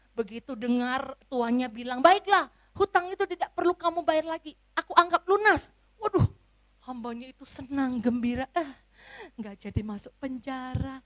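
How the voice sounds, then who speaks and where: A woman's voice: high voice, dry recording. A woman teaching Sunday school, telling a bible story to children and asking them questions. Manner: lively, asks the children questions.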